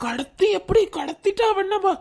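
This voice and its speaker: A woman's voice: very high voice, expressive, moderate pace, a little mellow. A woman voicing a bossy older village woman. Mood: alarmed. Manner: commanding, scolding.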